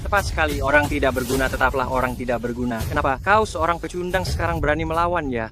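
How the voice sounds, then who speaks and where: A man's voice: a little high, fast talker, natural voice. An actor playing an arrogant, spoiled young man who taunts and bullies aggressively in a dubbed drama. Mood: taunting. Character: arrogant young bullying brother-in-law, spoiled and sneering. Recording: dramatic music behind the voice.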